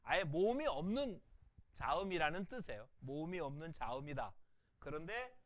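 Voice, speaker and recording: A middle-aged man giving a recorded language lecture, patiently explaining and answering his own rhetorical questions. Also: on the high side. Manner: repeats example words slowly and softly.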